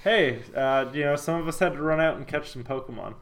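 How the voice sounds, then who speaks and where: A man's voice: fairly high pitch, a little fast, a bit bright. Chatty young man hosting a podcast. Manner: chatty, joking, shifts topics. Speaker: podcast host. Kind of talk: casual chat.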